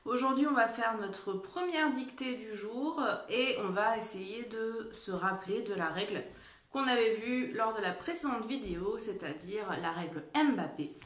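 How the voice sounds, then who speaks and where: A woman teacher with a slightly high voice leads a dictation lesson for young children. She talks very slowly and spells out each word letter by letter. The recording has an echoey room sound. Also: lively intonation, a bit bright. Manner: slow, careful spelling out of words and letters. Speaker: primary school teacher.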